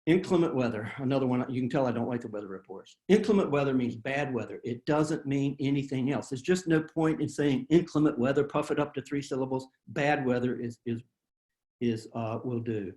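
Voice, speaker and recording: A man's voice: mid-range voice, brisk, a little mellow, echoey room. Plain-spoken man presenting by video call. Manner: plain-spoken, self-deprecating, with many fillers and restarts. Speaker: presenter of a writing workshop. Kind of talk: webinar presentation.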